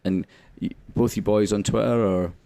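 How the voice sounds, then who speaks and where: A man's voice: lowish voice, steady tone, normal speed, creaky, dark tone. A man with a Scottish accent hosting a casual, conversational podcast interview. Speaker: podcast host.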